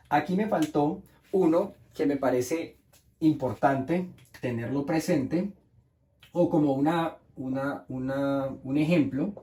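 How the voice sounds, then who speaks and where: A man's voice: mid-range voice, dark tone, echoey room. A man teaching English grammar in Spanish, explaining rules patiently and checking in with the class.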